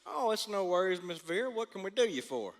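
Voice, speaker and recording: A man's voice: sits high, big pitch swings, fairly quick. A man in a church drama playing a watchful town marshal with a folksy drawl. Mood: suspicious. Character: suspicious small-town male marshal.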